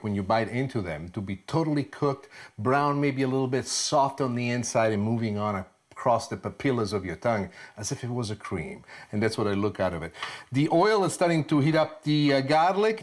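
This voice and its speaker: A middle-aged man hosting a cooking show in a home kitchen, explaining each step expressively and asking himself rhetorical questions. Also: mid-range voice. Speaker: TV chef host.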